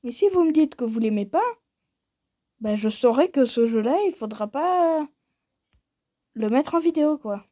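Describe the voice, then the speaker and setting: A woman's voice: sits high, expressive, normal speed, pauses often, dark tone, no room sound, studio quality. A woman giving casual commentary while playing a mobile game, rambling playfully and poking fun at herself. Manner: playful, rambling and self-mocking.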